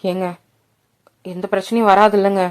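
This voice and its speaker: A woman voicing a worried middle-aged mother who speaks softly and hesitantly to her husband. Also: medium pitch, level tone, normal speed, lightly acted. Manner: soft, hesitant.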